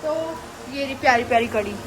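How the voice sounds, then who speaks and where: A woman's voice: on the high side, quick pace, reverberant, noisy background. A young woman with a sore throat who chats casually to her viewers in a home vlog, mixing in English words and calling her audience guys. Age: young adult. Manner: chatty, mixes Hindi and English, addresses viewers as guys. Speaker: vlogger. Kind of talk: casual vlog narration to camera. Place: family home, kitchen and rooftop.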